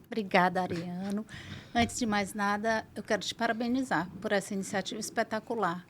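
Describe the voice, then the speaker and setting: Brazilian woman specialist, mid-pitched, measured and explanatory, podcast guest. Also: fairly even intonation, a little hiss or hum. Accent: Brazilian Portuguese. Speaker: pediatric gastroenterologist guest. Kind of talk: podcast interview.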